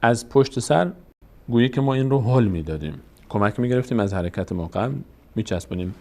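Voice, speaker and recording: A man's voice: mid-range voice, lively intonation, warm tone. Tajik persian guy teaching quran reading, patient, asks his own questions then answers em. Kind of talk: step-by-step lesson on Quranic signs.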